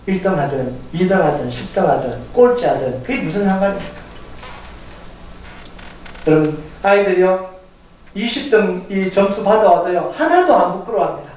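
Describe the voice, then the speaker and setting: A male pastor preaching a Sunday sermon with animated delivery, chuckling and posing questions to the congregation in a church sanctuary. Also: high voice. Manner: animated, talks straight to the congregation with rhetorical questions; chuckles through his points. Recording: echoey hall heard from a distance.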